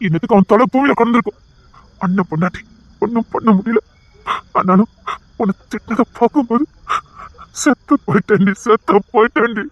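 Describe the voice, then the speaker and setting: Guy doing a soft pleading husband, highish voice, dry close sound. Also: no room sound, highs cut off. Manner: tender, pleading consoling. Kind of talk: dubbed serial drama with one voice doing many roles.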